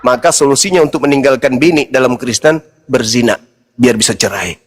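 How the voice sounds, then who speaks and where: A man who works as a religious apologist, giving a theatrical, animated talk that swings between loud and quiet. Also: medium pitch, fairly quick, long reverb tail, very noisy. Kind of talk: preaching-style debate talk.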